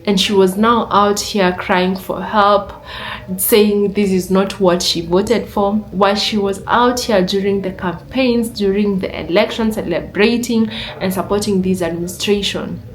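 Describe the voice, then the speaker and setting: A woman's voice: mid-range voice, fairly even intonation, measured pace. A woman delivers reaction commentary with an earnest, indignant edge. She lays out her argument point by point in a mid-range voice.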